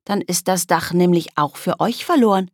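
An unflappable, clever young girl from a children's storybook , voiced by a woman reader. She speaks coolly and quickly, higher than the reader's low, husky voice, in a dry, close recording. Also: no room sound. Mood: calm. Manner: cool and composed.

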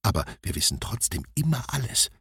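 A man's voice: on the low side, sing-song, fairly quick, creaky, a bit bright, breathy edge, dry recording, studio quality, pitched above the performer's own voice, full character voice. A man voicing a chatty, gossiping female shopkeeper in a children's storybook who talks on and on. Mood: gossipy.

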